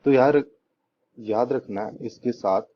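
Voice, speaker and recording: A man's voice: mid-range voice, slow pace. A young man, teaching an exam-prep lesson with memory tricks, repeating points and asking rhetorical questions before answering them. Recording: dull lo-fi recording with faint noise.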